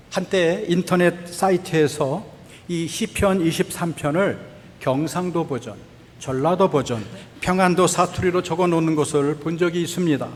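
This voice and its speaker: A man preaching a sermon as pastor, earnest, often asking the congregation questions, with touches of light humor. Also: on the high side. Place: church sanctuary. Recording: long church hall reverb.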